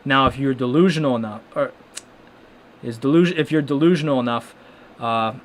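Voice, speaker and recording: A young man hosting a live hockey watchalong, reacting casually and excitedly with lots of restarts and stunned exclamations. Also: mid-range voice, a little fast. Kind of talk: casual live game commentary.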